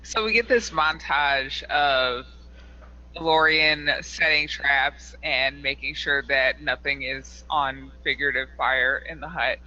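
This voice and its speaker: A man's voice: mid-range voice, fairly even intonation, slow pace, bright, forceful tone, dull audio. A man narrating an improvised tabletop role-playing game as game master.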